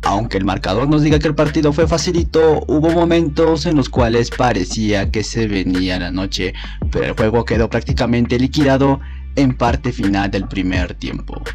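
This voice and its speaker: A man's voice: mid-range voice, expressive, normal speed, darkish tone. A man reading scripted narration as the narrator of a sports channel. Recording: music behind the voice. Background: background music.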